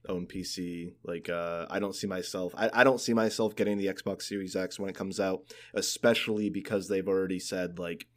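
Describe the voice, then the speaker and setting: Low voiced young dude rambling about games, lots of um and like. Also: male voice, fairly even intonation, moderate pace, hardly any pauses. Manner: rambling, many fillers. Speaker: podcast co-host. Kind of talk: casual gaming podcast chat.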